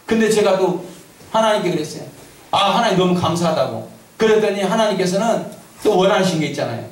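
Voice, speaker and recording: A man's voice: high-pitched, lively intonation, a little fast. A male pastor giving an emphatic testimony sermon in a church sanctuary, telling his story and drawing amens from the congregation. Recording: echoey church from a distance.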